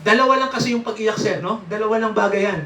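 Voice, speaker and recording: Male preacher, high bright voice, chatty teaching style, roomy distant recording. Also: quick pace, slight background noise. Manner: asks the congregation questions, frequent "no?" and "sir"; chuckles often while teaching. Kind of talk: interactive Bible teaching. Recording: echoey room, mic at a distance.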